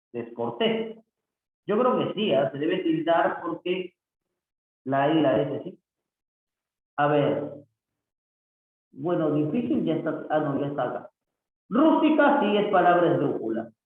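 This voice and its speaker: A man, possibly, teaching a worksheet lesson on marks, stretching out words and muttering "ya está" to himself as he works. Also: on the high side. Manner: drawn-out syllables, self-talk with many "ya está" and "ahí está". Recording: phone-like, very echoey room with faint noise.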